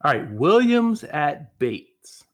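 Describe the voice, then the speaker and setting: A man's voice: on the high side, very animated, takes it slowly. A man from Massachusetts co-hosting a casual sports podcast, playful and joking as he runs a quiz. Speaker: podcast co-host.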